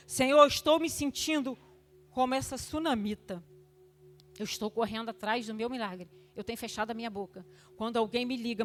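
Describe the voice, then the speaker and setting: An older woman giving an emotional testimony at a church service, fervent, moving between loud exhortation and hushed tones. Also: on the high side.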